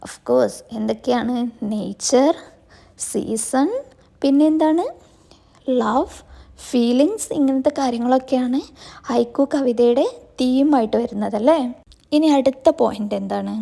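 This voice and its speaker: Woman teaching, keeps asking then answering herself, gravelly and husky. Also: fairly high pitch, warm tone. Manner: asks questions and answers them herself. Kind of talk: explaining a class lesson.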